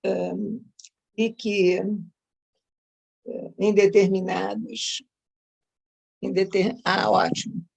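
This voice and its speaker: A woman professor speaking at an academic conference over a video call, calm and a little hesitant, with restarts. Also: medium pitch, drawn-out words, creaky, long pauses, muffled recording.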